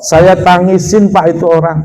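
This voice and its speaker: A man's voice: level tone, normal speed, dark tone, poor audio. A middle-aged male preacher, giving a folksy sermon that keeps turning to address the men listening. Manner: folksy, addresses listeners as "Pak", swings between high and low pitch.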